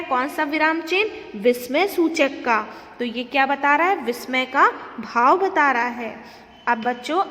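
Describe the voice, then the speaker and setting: High-voiced woman teacher explaining to children. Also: pushed and bright, long reverb tail. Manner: explains step by step, asks and answers her own questions to children. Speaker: school teacher. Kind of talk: recorded classroom lesson.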